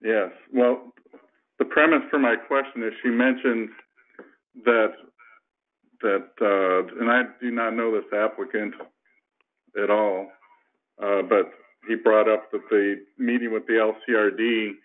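A middle-aged man, a commissioner, asking questions in a formal but halting way at a public hearing, heard over a landline phone. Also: fairly low pitch, steady tone. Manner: measured, halting, with many fillers. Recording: tinny landline phone line.

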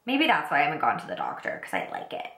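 A young woman vlogger with a slightly raspy, congested voice from a cold, chatting enthusiastically while doing her makeup at home. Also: low voice, wildly swooping pitch, quick pace, a bit bright. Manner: chatty, enthusiastic product talk. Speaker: beauty vlogger. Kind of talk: casual get-ready-with-me makeup talk. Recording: roomy echo.

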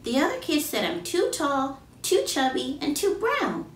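A woman's voice: sits high, wildly swooping pitch, a little slow, voice pushed up, full character voice. A woman voicing a downhearted, earnest little schoolgirl in a storybook reading. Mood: hurt. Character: downhearted little schoolgirl confiding in her parents. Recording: roomy, distant mic, faint background noise.

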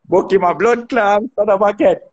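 A man with a Jamaican accent chatting on a phone livestream, telling animated stories, laughing and acting out dialogue. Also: high-pitched, moderate pace, highs cut off, crowd noise. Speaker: dancehall artist on a live stream. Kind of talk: casual chat on a livestream.

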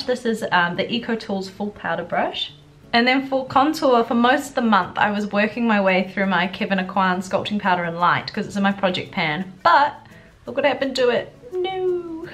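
A woman's voice: mid-range voice, fairly bright tone. A young adult woman feeling sick with a congested cold, chatting casually and a little subdued through a makeup tutorial as a beauty vlogger. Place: furnished living room at home, indoors. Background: background music.

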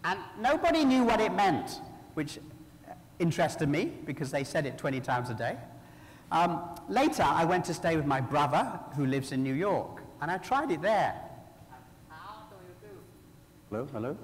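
Male speaker, Sri Lankan accent, slightly high voice, wry anecdotal public talk, big reverberant hall. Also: sing-song, normal speed. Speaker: author speaking at a conference. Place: large hall, live talk to an audience. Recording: very echoey hall with long reverb.

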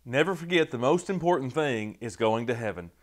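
A man in his thirties with a Southern American accent, preaching a televised sermon from a studio podium, building to loud emphatic repetitions. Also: medium pitch, expressive, brisk. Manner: emphatic, rising to loud repeated declarations.

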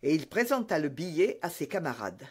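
A man reading a classic novel aloud as an easy-reading audiobook, clear and deliberate. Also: on the high side, sing-song. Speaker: narrator.

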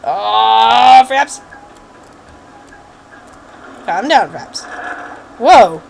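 A woman's voice: a little high, lively intonation, extremely slow, vocal fry, slight background noise, poor audio. A woman giving casual, jokey let's play commentary, exclaiming and muttering to herself as she plays.

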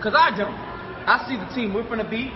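A man's voice: very high-pitched, brisk, over music, crowd noise. A young man, a pro wrestler, delivering a wrestling promo with brash, emphatic trash talk. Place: large indoor hall. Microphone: camera a few metres away. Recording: echoey hall, distant mic, muffled, noisy.

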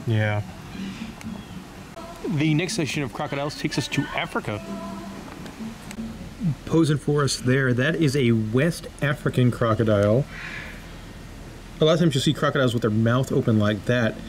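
A man casually narrating a walk through a zoo, pointing out animals in a relaxed, chatty way. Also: medium pitch, moderate pace, long pauses, faint music behind. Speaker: zoo tour vlogger. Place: outdoor zoo walkways. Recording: outdoor noise around camera mic.

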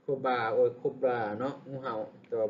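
A man's voice: medium pitch, little pitch movement, slow pace, muffled recording, slight background noise. A man with a Lao accent teaching English words, saying each word several times before explaining it. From Laos. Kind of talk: vocabulary lesson.

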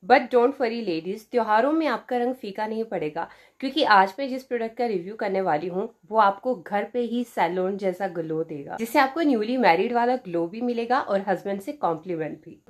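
A woman in her thirties with an Indian English accent talks straight into a camera in a small indoor room. She switches freely between Hindi and English, filling pauses with "you know", in a relaxed, chatty review tone. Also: medium pitch. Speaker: beauty vlogger. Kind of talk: product review vlog.

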